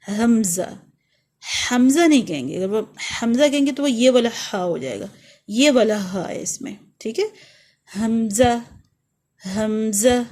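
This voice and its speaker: A woman teaching Quran letter pronunciation in an online lesson. She explains each letter, then recites it slowly and clearly several times. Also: medium pitch, darkish tone. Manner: slow drawn-out letter recitation between explanations.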